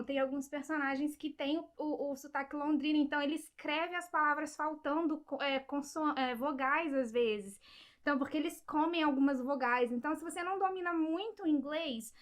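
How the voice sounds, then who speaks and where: A young woman with a Brazilian Portuguese accent, chatting casually about a book and often checking in with her listeners. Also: high-pitched. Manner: chatty, many fillers and rhetorical "sabe?". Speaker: book vlogger. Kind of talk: casual book review chat.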